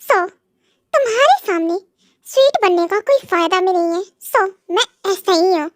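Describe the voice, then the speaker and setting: A woman's voice: extremely high pitch, animated, measured pace. A woman voicing a possessive, menacing young mafia husband in an amateur fan dub, talking in cold, mocking threats and commands. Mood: scolding.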